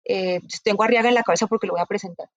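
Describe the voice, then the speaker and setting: A woman's voice: mid-range voice, rapid-fire, no room sound, lo-fi sound. A woman, a bookseller telling stories in an interview and acting out the dialogue. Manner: animated, acts out quoted dialogue in storytelling. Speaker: bookseller guest. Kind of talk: conversational storytelling interview.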